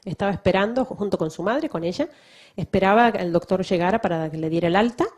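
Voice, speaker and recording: A woman's voice: mid-range voice, fast talker, darkish tone. A woman missionary giving a testimony to a church audience, emphatic and full of rhetorical questions. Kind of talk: public talk to a church audience.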